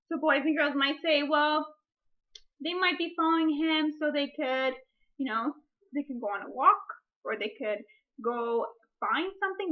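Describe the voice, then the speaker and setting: A woman with a high voice, captured in dull audio, models a read-aloud lesson as a teacher. She speaks deliberately, asking long, wondering questions as though addressing children.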